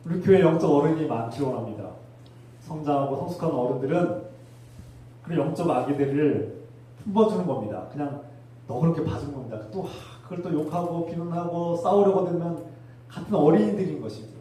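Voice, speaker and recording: Pastor guy preaching hard, mellow darkish voice, super echoey church, mic way off. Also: on the high side, brisk, far from the mic. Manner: fervent, exhorting, leads call-and-response commands. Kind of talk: sermon. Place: church sanctuary.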